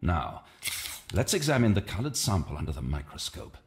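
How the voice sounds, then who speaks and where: A man's voice: low voice, big pitch swings, brisk, darkish tone, slight background noise. A man acting an earnest, formally spoken Victorian English doctor in a video game. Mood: studious. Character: earnest, concerned Victorian gentleman doctor, Holmes's companion.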